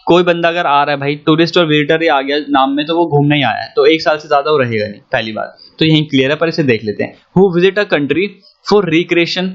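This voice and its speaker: A young male teacher with a slightly high voice gives a casual economics lesson. He mixes with phrases and keeps asking whether his students follow. The sound is dull and lo-fi. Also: a little fast. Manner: chatty, asks students if they follow. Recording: dull lo-fi audio.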